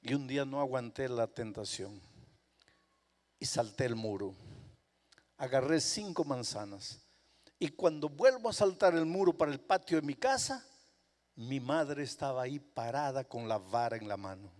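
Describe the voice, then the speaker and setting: A male pastor, telling a story in a sermon and swinging from hushed tones to impassioned outbursts. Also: medium pitch, animated, normal speed. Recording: echoey hall reverb.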